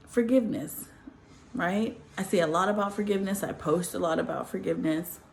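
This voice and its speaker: A woman's voice: lowish voice, gravelly, slight background noise. A woman hosting her own channel, talking earnestly and telling stories in a casual, heartfelt way. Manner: earnest, animated storytelling with laughter. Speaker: channel host. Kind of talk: casual spoken reflection.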